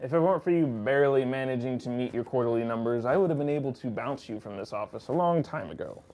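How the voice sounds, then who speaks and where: Man playing a creaky, pompous petty boss. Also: medium pitch, fast, darkish tone, natural voice. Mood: condescending, scolding. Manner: pompous, scolding, melodramatic. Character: petty, pompous, vindictive male office boss. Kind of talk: comedic audio-drama dialogue.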